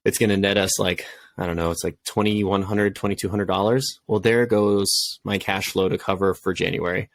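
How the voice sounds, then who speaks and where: A man's voice: sits low, fairly even intonation, normal speed, dry recording. A young adult man co-hosting a casual podcast, telling his own story in a candid, reflective way. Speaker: podcast co-host.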